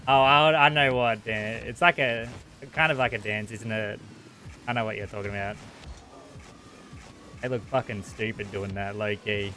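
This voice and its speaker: A man's voice: on the low side, fairly even intonation, normal speed, long pauses, noisy background. An Australian man chatting casually on a livestream in blunt, sweary Aussie street slang. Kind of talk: casual livestream chat with viewers.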